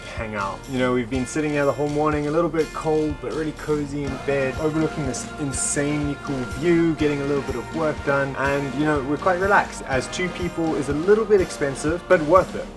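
A young man speaking casually to camera on an outdoor deck in a travel vlog, relaxed and easygoing. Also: fairly high pitch. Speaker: vlogger. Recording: music playing over the talk.

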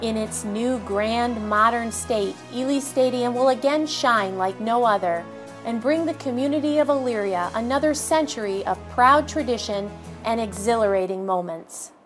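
A woman reading a scripted documentary narration in a measured, proud manner. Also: on the high side. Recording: voice-over with music behind. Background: music.

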